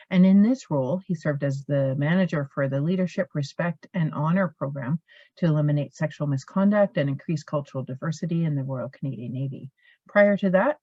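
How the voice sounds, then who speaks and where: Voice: medium pitch, warm tone, dry recording. A host reading out an introduction of the moderator, with small slips and self-corrections. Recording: dull, dry lo-fi audio.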